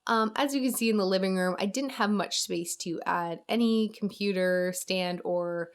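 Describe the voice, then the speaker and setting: Young woman, chatty, upbeat, game voice-over, medium pitch, slightly worn voice. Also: moderate pace, smooth. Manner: chatty, upbeat, frequent small laughs. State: slightly losing her voice. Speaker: game building channel host. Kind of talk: casual voice-over narration of a video game build.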